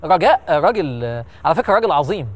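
Fast, animated Egyptian storyteller man. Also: on the high side. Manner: animated, emphatic, repeats words for effect. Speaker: religious history storyteller. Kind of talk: lively storytelling lecture.

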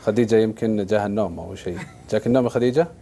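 A man with a low, mellow voice talks very fast as he hosts a program, formal and courteous. A faint rumble sits under the recording. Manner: formal and courteous, gives thanks and closing greetings. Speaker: TV program host. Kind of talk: hosting a religious TV program.

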